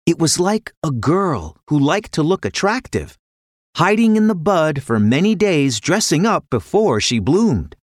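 Telling a children's story, a woman uses a deep voice with lively, varied intonation. Her reading is expressive and scripted, captured close-up and dry with no echo.

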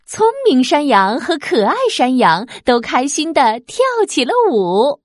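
A woman reading a children's storybook aloud, expressive and lively. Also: sits high, dry recording. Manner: slow, lively, expressive, sound effects.

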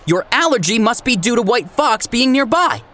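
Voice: medium pitch, very animated, normal speed, a bit bright, slight background noise. Actor doing a confident dog sheriff. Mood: urgent. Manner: commanding, explaining.

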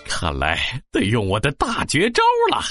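A woman's voice: rumbling low, wildly swooping pitch, fairly bright tone, no echo, clean studio sound, faint music behind, heavily acted. A woman voicing a boastful, greedy big bad wolf in a children's story, with a sneering, menacing wolf voice. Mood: pained, blustering. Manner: sneering, menacing wolf voice with drawn-out taunts and exclamations. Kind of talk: children's audio story acting.

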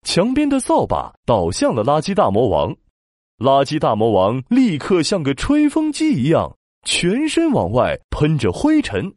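A man tells a children's story with dramatic emphasis. His voice is fairly high and swings widely in pitch, captured in a very dry recording. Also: a little slow, no room sound. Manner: dramatic, expressive, with sound-word emphasis. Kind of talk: animated children's story narration.

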